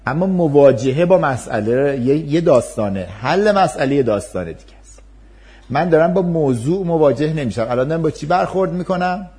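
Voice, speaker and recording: A male university lecturer giving a class, calmly acting out patient, empathetic replies to a student. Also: fairly high pitch. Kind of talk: class lecture with role-play demonstrations.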